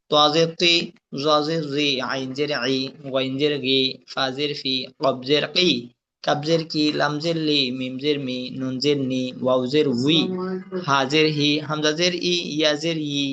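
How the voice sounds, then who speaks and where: A young man teaching Quranic letter sounds in a recorded lesson, reciting each sound slowly and deliberately, repeating drills and quizzing the class. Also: on the high side, sharp tone, a little hiss or hum.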